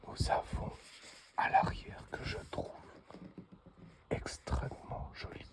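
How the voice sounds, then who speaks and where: A man presenting an unboxing in breathy, whispered ASMR, close as if right in your ear, in short halting phrases. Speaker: unboxing video host.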